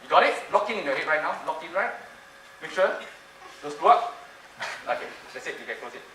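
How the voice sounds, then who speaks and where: Man, conference speaker, lively up-and-down voice, playful and repetitive, roomy hall, distant mic. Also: a little high, brisk, background noise. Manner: playful, repeats phrases, coaxes the audience. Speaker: conference speaker doing a mind-reading trick. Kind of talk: interactive stage talk with audience. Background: audience laughter and room ambience.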